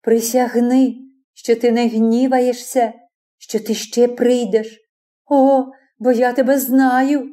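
A woman's voice: fairly high pitch, level tone, takes it slowly, dark tone. A woman reading the part of a passionate young woman who turns from imperious to pleading, in an audiobook.

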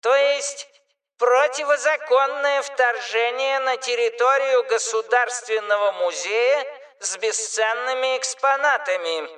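A woman voicing a stern mechanical announcer that delivers formal, officious warnings in a slow, clipped way. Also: a little high, fairly bright tone, far from the mic, voice pushed up. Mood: threatening.

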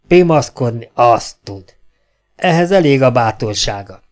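A man reading an audiobook, voicing a gruff, grumbling legion sergeant who blusters and threatens. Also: medium pitch, expressive, soft background music, lightly acted.

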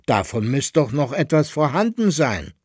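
A man's voice: medium pitch, very animated, normal speed, darkish tone, breathy edge, no room sound, studio quality. A man reading the part of a male stranger at an inn who passes on gossip in an offhand, knowing way.

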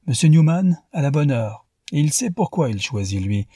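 A man's voice: fairly high pitch, sing-song, normal speed, mellow, breathy edge, dry recording, clean studio sound, voice pushed up. Man voicing a teasing young marquise. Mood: arch. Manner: teasing, coquettish.

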